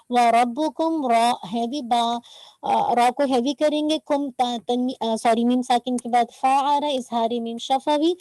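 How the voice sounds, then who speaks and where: A woman's voice: high-pitched, a little mellow, no echo, low-quality recording. A woman teaching Quran recitation rules step by step, patiently correcting and mixing in English terms. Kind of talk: online tajweed lesson.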